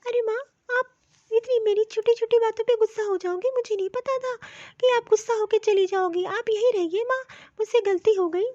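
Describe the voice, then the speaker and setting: A woman's voice: extremely high pitch, normal speed, warm tone. A woman voicing a modern, touchy young daughter-in-law from the city in a cartoon story, talking in a curt, complaining way. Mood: remorseful. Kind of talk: cartoon voice acting. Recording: dull, dry lo-fi recording.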